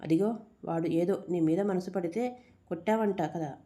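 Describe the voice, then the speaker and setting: A woman's voice: fairly low pitch, moderate pace, warm tone, close to an everyday voice. A woman reading a storybook, voicing a cruel young male villain who taunts and threatens. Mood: sneering. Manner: sneering, threatening.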